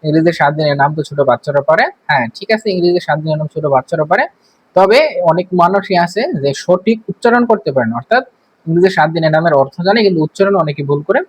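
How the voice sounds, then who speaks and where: A man giving a spoken vocabulary lesson, repeating each word slowly for practice. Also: sits high, expressive, slightly rough, poor audio. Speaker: English teacher.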